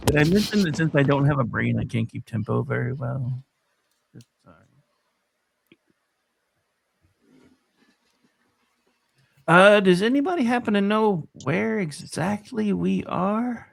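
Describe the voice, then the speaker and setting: A man plays a good-natured, brainless straw scarecrow in a comic radio play. His voice is extremely creaky and fairly high for a man, with folksy, lively swings in pitch, recorded dry and close. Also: normal speed, noisy background, full character voice. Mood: sheepish. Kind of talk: parody radio play acting.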